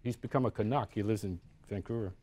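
A man's voice: lowish voice, fast, mellow, slight background noise. A man giving a live lecture about his own artworks in a university room, talking conversationally, thinking aloud and often checking in with "right?". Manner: thinks aloud with frequent restarts.

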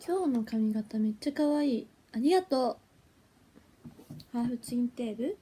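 A woman's voice: on the high side, lively intonation, normal speed, mellow, a little hiss or hum. A young woman, an idol, chatting casually with viewers on a phone livestream, giggly and easily flustered. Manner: chatty and giggly, flustered when her stream freezes.

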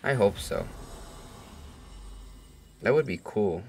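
A man's voice: lowish voice, lively intonation, takes it slowly, darkish tone, a little hiss or hum. A young man livestreaming a game, chatting casually and joking with chat and friends, swearing freely. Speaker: streamer.

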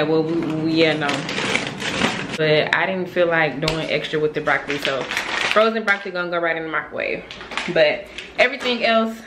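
A young woman, chatting loosely to viewers in a casual cooking vlog, filmed on a phone in a small home kitchen. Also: on the low side. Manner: chatty and loose, talks straight to viewers as "y'all". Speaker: vlogger. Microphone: handheld phone camera. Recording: home kitchen with clear frying and stovetop noise.

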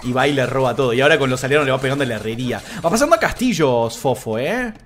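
Argentine man in his thirties, live stream caster, pitch all over the place, quick to swear. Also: a little hiss or hum. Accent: Argentine Spanish. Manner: excitable, swings between calm play-by-play and shouted disbelief; swears casually. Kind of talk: live game commentary.

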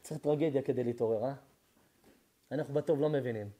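A man who is a rabbi, giving a Torah lesson as a sermon, telling stories with feeling and swinging between hushed words and loud cries. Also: medium pitch. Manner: emotional storytelling, swings between hushed and shouting.

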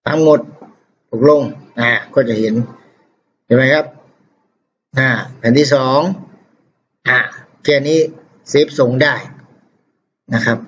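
A man teaching a computer class, explaining software steps one at a time with polite particles. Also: medium pitch. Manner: unhurried, explains step by step with frequent polite particles. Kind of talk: screen-recorded software tutorial. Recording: dull lo-fi screen-capture audio.

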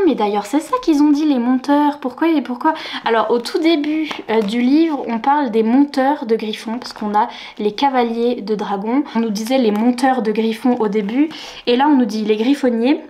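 Young woman, book vlogger, casual chat, slightly high pitch, animated, frequent laughter. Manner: animated, laughs often, mocks awkward word choices.

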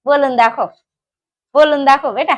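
A young woman from Maharashtra with a high voice chats casually while she cooks. She drops into soft, murmured asides to her viewers and lifts her tone to coax and scold her children. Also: fairly even intonation, normal speed, lo-fi sound. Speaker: vlogger and mother. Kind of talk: casual cooking vlog chat.

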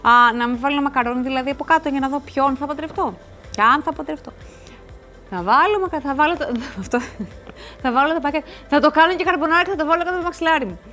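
With soft music in the background, this studio host speaks in a high, bright, forceful voice. Her casual talk to camera wanders, packed with restarts and side remarks.

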